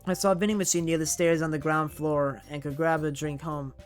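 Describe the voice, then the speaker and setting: Over soft background music, a man reads a visual novel's lines aloud a little fast, his slightly high voice delivered flatly. It's a casual let's play where he breaks off to chat, corrects himself partway through sentences, and laughs at himself.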